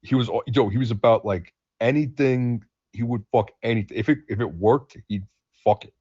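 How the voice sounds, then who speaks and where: A man's voice: medium pitch, moderate pace, warm tone, dry recording. A man co-hosting a stream, telling a story in casual chat with lots of restarts and fillers. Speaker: stream co-host. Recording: muffled lo-fi audio.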